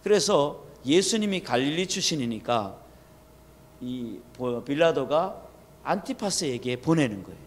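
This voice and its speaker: A man's voice: fairly high pitch, big pitch swings, a little slow. A man preaching an early-morning sermon as pastor, retelling a story with quoted lines. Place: church sanctuary. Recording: long hall reverb.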